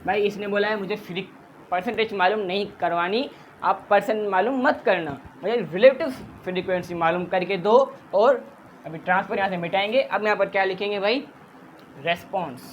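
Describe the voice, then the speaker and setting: A man's voice: high-pitched, normal speed, muffled recording, slight background noise. A man teaching a math lesson, patiently explaining steps, counting aloud and mixing in English terms. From Pakistan.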